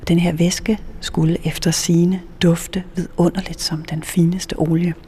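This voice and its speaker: A woman with a low, mellow voice narrates a documentary in a hushed half-whisper. She is recorded inside a church, with a faint hum of background noise. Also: flat delivery.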